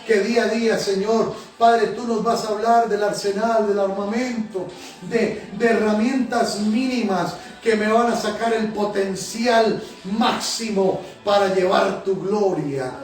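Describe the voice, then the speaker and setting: High-voiced preacher in echoey church. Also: male voice, fairly even intonation, measured pace. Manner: fervent, repeating Señor and Padre between phrases. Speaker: pastor and prophet. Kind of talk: sermon and spoken prayer. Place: church sanctuary. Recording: echoey church hall from a distance. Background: soft music.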